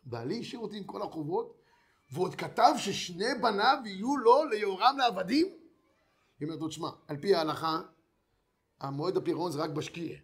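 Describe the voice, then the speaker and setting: A man giving a storytelling sermon, acting out the characters' dialogue as he goes. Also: high voice. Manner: animated storyteller who acts out the dialogue of characters. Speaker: rabbi giving a Torah lesson.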